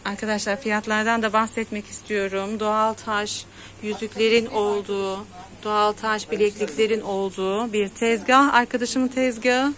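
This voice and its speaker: A woman's voice: mid-range voice, flat delivery, normal speed, a bit bright. Chatty woman vlogging an outdoor market. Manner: chatty, addresses followers directly, promotes market stalls. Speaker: travel vlogger. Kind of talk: walking tour vlog narration. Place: outdoor seaside market street. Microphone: handheld camera.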